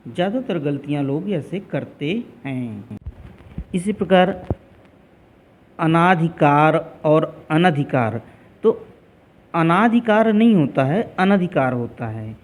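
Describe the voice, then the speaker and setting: Slow, deliberate male Hindi teacher. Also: fairly high pitch, a little mellow. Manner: slow, deliberate, repeats words for emphasis. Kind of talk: classroom lesson on Hindi spelling.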